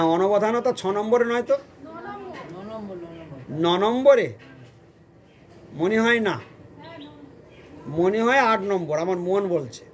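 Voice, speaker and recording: A man preaching a devotional sermon, chanting verses and quizzing his listeners with questions. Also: high-pitched.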